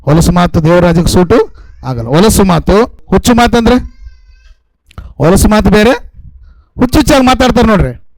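A man with a North Karnataka accent preaching in a church, his voice pitched high and the sound close and dry. He keeps quizzing the congregation and repeats key phrases in call-and-response fashion. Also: expressive, moderate pace, long pauses, darkish tone, no room sound, low-quality recording. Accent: North Karnataka Kannada. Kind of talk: sermon with call-and-response questions. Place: church in a coastal city.

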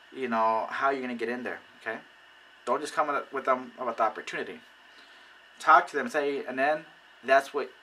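Upbeat bright-voiced man coaching recruits. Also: mid-range voice, slight background noise, low-quality recording. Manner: animated, acts out conversations. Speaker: network marketing recruiter. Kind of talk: casual how-to video talk.

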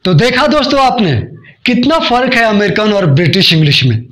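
A man teaching a spoken English lesson in Hindi, repeating each example word and sentence slowly and deliberately. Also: sits high, sing-song, fairly bright tone.

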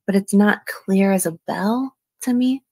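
A woman's voice: medium pitch, a little slow, dark tone, dry recording. A woman commenting on a true crime case, reading out a call and hedging her views with "in my opinion.". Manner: hedging, often adds "in my opinion".

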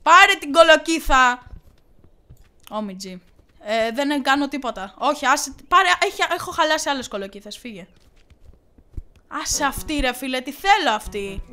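Woman let's player, excitable and teasing, a high voice, shouts at the game. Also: long pauses, soft background music. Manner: excitable, shouting reactions and playful taunts. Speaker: gaming YouTuber. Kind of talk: let's play commentary.

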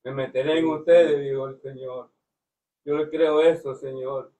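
Man giving slow fervent testimony, kinda flat voice. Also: mid-range voice, distant mic, a crowd in the background, low-quality recording. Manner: fervent, slow, frequent "Señor" interjections. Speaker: church member giving testimony. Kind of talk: devotional testimony.

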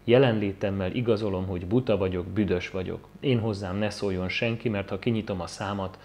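A man reading his own novel aloud as an audiobook, in a quiet, subdued manner. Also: deep voice, fairly even intonation. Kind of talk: audiobook narration.

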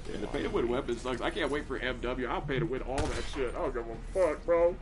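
A young man streaming a shooter game, cursing constantly, yelling and complaining in loose casual commentary. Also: mid-range voice, fast, noisy background. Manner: excitable, swears constantly, yells and complains.

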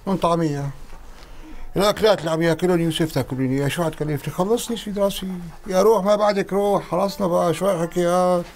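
Stingy wheedling Damascene miser. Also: male voice, sits high, rapid-fire, a little mellow. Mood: frightened muttering. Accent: Damascene Arabic. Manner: wheedling, whining, muttering prayers in fright. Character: stingy scheming middle-aged Damascene man Abu Najib. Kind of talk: Syrian TV comedy drama. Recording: TV drama audio with music behind.

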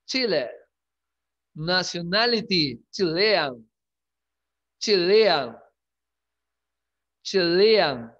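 Male teacher, careful and repetitive, high-pitched, unhurried delivery. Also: a bit bright, muffled recording. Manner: slow, clear, repeats each word twice. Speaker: English teacher. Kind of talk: online class lesson.

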